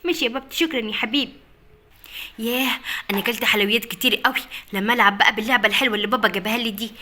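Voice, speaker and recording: A spoiled little Egyptian girl, voiced by a woman, whiny and pleading in a cartoon family skit. Her high, bright voice races along very fast. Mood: delighted. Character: spoiled chatty little girl who begs for sweets.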